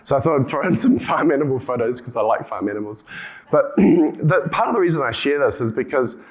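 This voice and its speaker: A man's voice: medium pitch, animated, fairly quick. A man from New Zealand with a broad Kiwi accent gives an informal conference presentation, hesitating and often repeating words as he goes. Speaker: conference speaker, company co-founder and CEO.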